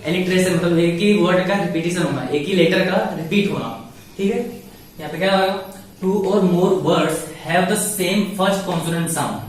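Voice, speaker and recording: A man's voice: high-pitched, measured pace, a little hiss or hum. A man teaching an English grammar lesson online, explaining in a patient classroom manner and often asking questions aloud before answering them himself. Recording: echoey room, mic at a distance.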